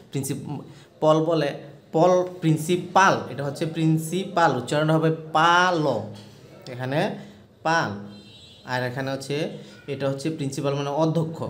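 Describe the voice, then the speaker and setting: A man's voice: mid-range voice, echoey room. A man teaching an English spelling lesson, spelling the letters one by one and repeating words.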